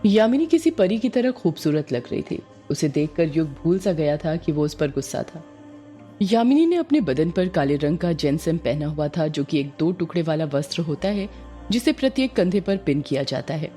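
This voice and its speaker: A woman narrating a scripted audio story in a calm, descriptive way. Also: sits low, normal speed, soft background music.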